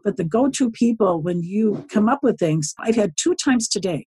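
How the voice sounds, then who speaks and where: Casting: woman in her 70s, husky, dry close sound, chatty storyteller who wanders into asides. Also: mid-range voice, expressive, moderate pace, warm tone, dry recording. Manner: rambling, folksy, often circles back with asides. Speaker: podcast guest, social media consultant. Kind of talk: casual storytelling interview.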